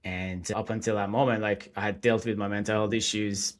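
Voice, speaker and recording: Guy in his 40s, lowish voice, chatty and animated, podcast guest. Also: fairly quick. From Iran. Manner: animated, chatty, laughs between thoughts. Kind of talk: casual interview talk.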